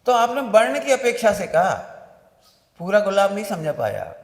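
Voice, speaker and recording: A man teaching a religious workshop, slowly explaining with everyday examples and often asking whether everyone understood. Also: high-pitched, very animated. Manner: keeps asking listeners if they understood. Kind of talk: classroom-style religious discourse. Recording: reverberant hall sound.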